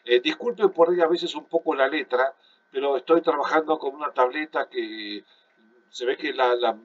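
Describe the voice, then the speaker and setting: Congested and coughing, a male physics teacher works through a problem in a recorded online lesson from his home computer. His steady explanation is full of fillers and restarts, delivered in a mid-range, slightly rough voice on a muffled recording.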